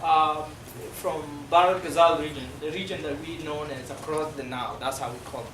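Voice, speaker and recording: A middle-aged man from South Sudan with a South Sudanese accent and Dinka as his first language, giving a halting, explanatory classroom presentation full of fillers. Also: a little high, steady tone, a bit bright. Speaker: guest speaker. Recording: echoey room from far off, noisy.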